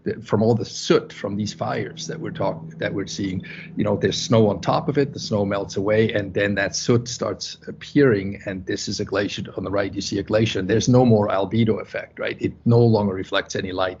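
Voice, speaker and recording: A man's voice: lowish voice, a little hiss or hum. A man from Switzerland with a Swiss accent, presenting a conference talk in a conversational way, often checking in with "right?". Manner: conversational, many restarts, asks "right?". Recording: muffled lo-fi recording.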